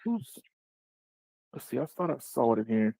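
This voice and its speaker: A man's voice: mid-range voice, sing-song, moderate pace, gravelly, warm tone, no echo. Rambling man hosting a tech podcast. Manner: rambling, restarts, laughs often. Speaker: podcast host. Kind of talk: casual tech podcast chat.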